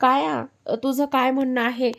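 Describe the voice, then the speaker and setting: A woman voicing a calm, curt and commanding elder brother giving orders, in a spoken story. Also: high voice, moderate pace, gravelly. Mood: stern.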